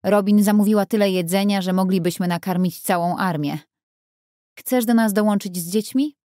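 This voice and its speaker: A woman's voice: mid-range voice, normal speed, dark tone, dry recording, lightly acted. A woman reading a stern, blunt grown man in an audiobook, in a curt voice close to her own. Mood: inviting.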